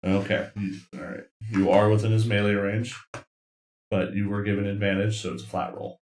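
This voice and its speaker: A man narrating as game master of a tabletop role-playing session, describing kills and calling turns in a relaxed, chuckling way. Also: lowish voice, moderate pace, roomy sound, a little hiss or hum.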